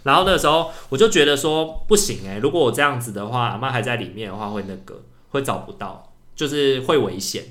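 Fast bright-voiced young man telling a story. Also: mid-range voice. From Taiwan. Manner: animated storyteller who acts out shouted calls. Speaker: podcast co-host. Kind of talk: casual storytelling chat.

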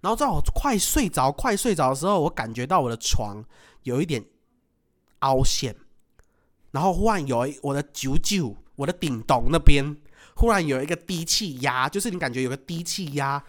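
A man telling a story in casual chat, animated, laughing often and acting out what he said. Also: on the high side, normal speed. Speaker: podcast co-host.

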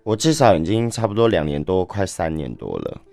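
A man with a husky, smoky voice, answering interview questions in a languid, lazy way. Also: low voice, big pitch swings, brisk, a little mellow, no echo, faint music behind. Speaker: guest, drag queen performer.

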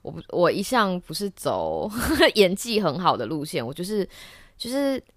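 A woman chats through a story on her podcast, her voice sitting low but leaping widely up and down as she gets excited. She laughs often and drops into English now and then. The sound is close and dry, with no room echo. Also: moderate pace. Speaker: podcast host. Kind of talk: casual storytelling monologue. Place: office during lunch break.

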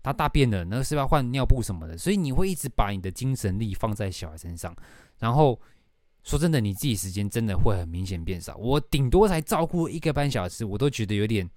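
A man's voice: fairly low pitch, sing-song, fast, a little mellow, no echo, studio quality. A young man with a Taiwanese Mandarin accent, hosting a casual podcast and telling a rambling story with casual swearing. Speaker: podcast host.

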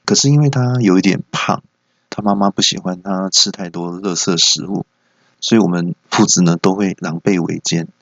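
Gravelly man telling deadpan comic stories. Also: deep voice, dry recording. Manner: deadpan, with stammered comic pauses. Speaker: comedy podcast host. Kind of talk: comic storytelling monologue. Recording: dull lo-fi recording.

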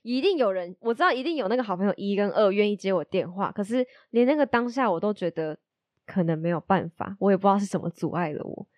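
A woman's voice: mid-range voice, lively intonation, dry recording. A woman co-hosting a casual podcast, teasing her partner and telling stories. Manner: teasing, quick and joking. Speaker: podcast co-host. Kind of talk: casual chat, storytelling.

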